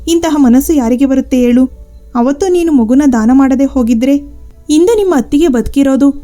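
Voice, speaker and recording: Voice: sits high, fairly quick, faint music behind, lightly acted. Woman voicing a kindly doctor. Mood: gentle. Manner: gentle and soothing.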